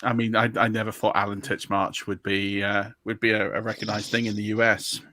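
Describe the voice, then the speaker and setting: A man's voice: lowish voice, flat delivery, fairly quick, pushed and bright, slight background noise. A man with an English accent, co-hosting a football podcast in casual, rambling chat. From England. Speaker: podcast co-host.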